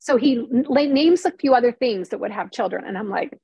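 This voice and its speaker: In a lo-fi recording without echo, a middle-aged woman who used to report TV news and now writes novels tells an emotional story from her life in conversation. Her voice is fairly high, expressive, creaky, a bit mellow and husky, and fairly quick; she's chatty, earnest and candid, acts out quotes, and says "like" and "you know" a lot.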